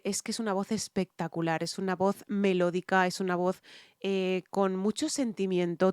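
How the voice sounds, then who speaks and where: Woman, Spain accent, mid-pitched voice, dry close sound, chatty vocal analysis, lots of "eh" fillers. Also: a little mellow, clean tone, no echo. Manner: chatty, explanatory, frequent "eh" fillers. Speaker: singer reacting to music videos. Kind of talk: casual reaction and vocal analysis.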